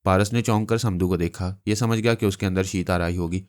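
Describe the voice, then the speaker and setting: A man narrating a novel aloud in a steady, dramatic audiobook style. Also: low-pitched, a little fast. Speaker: storyteller.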